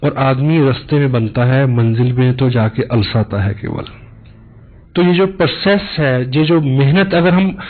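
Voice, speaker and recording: A man's voice: medium pitch, measured pace. A man giving a motivational business talk in Hindi mixed with English, preaching hard work and telling parables. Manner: preachy, mixes Hindi and English, tells parables with voiced dialogue. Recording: tinny phone-like sound.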